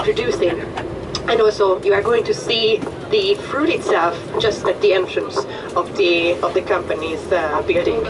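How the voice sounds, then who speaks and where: A woman with a Hungarian accent, a tour guide giving chatty, joking commentary on a coach, her voice a little hoarse. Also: medium pitch. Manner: friendly, chatty, joking with the group. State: slightly hoarse. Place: tour bus. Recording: distant voice with vehicle noise.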